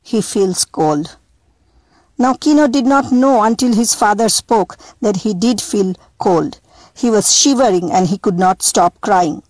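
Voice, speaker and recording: A woman reading a storybook aloud in a slow, deliberate manner, addressing listeners as a storyteller. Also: mid-range voice, darkish tone, no room sound, rough recording.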